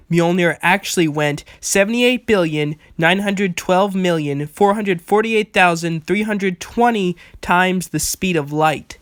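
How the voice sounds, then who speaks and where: A man's voice: high-pitched, a bit bright, clear, resonant tone, no room sound, studio quality. A man delivering scripted rebuttal commentary in an argumentative, corrective, matter-of-fact way. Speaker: video essayist and commentator.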